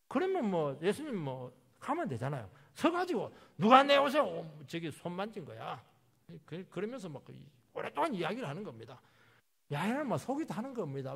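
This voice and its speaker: A male pastor preaching in a church sanctuary, his fairly high, gravelly voice swinging widely in pitch. He gives quoted lines a lively, acted-out emphasis, and his words ring with long reverb through the hall. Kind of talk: sermon.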